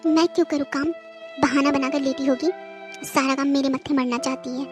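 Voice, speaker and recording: A woman's voice: sits high, steady tone, fairly quick, soft background music, lightly acted. A woman voicing a spoiled, lazy young daughter in a cartoon who talks back in a bratty, dismissive way. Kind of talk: cartoon voice acting.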